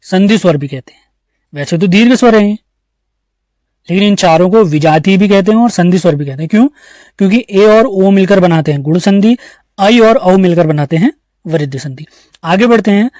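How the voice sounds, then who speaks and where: High mellow-voiced guy teaching grammar online, keeps asking then answering his own questions, dry sound. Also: animated, moderate pace, no room sound. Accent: Uttarakhand Hindi. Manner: explains step by step, asks the class questions and answers them himself. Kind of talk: online exam-prep grammar lesson.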